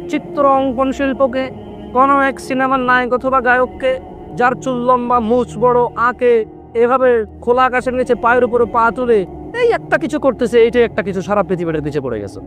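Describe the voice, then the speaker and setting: A middle-aged man preaching a sermon in an animated way, mixing in English words and acting out little dialogues. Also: very high voice. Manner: acts out dialogues in different voices. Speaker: Islamic preacher.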